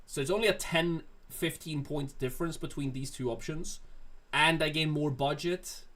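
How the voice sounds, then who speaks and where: A Swedish man hosts a casual livestream, reading and answering viewer questions from chat. His voice is on the high side and fairly bright, at a moderate pace.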